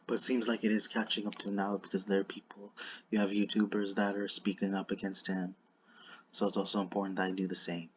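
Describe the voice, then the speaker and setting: A man with a lisp and whistling s sounds gives unscripted commentary in a halting, repetitive way, circling back over his phrases. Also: sits low, level tone, lo-fi sound, slight background noise. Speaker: online commentator.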